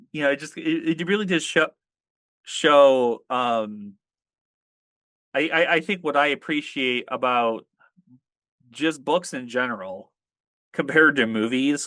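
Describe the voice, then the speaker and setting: A man's voice: mid-range voice, fairly bright tone, no echo. A man co-hosting a casual podcast discussion, talking hesitantly with frequent stammers and restarts. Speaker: podcast co-host.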